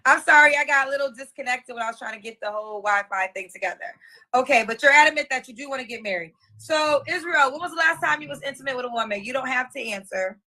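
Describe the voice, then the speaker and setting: A woman hosting a live-stream dating interview, firing off quick questions and repeating the answers back. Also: high-pitched, pushed and bright.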